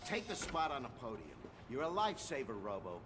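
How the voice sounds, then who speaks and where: An actor playing an overworked desk police officer who sounds harried and asks for help. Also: male voice, medium pitch, big pitch swings, natural voice. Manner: harried, hurried. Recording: video game audio with clear background noise.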